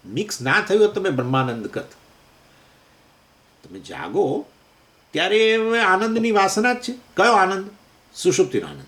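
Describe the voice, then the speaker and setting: A man's voice: sits high, vocal fry, a bit bright. A man teaching a scripture lecture, explaining verses with everyday examples and asking and answering his own questions. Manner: chants Sanskrit verses slowly. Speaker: Vedanta teacher.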